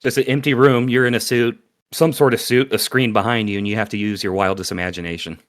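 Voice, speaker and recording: A man's voice: lowish voice, steady tone, quick pace. A man co-hosting a casual movie podcast, laughing often and retelling scenes with animation. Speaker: podcast co-host. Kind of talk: casual movie review chat.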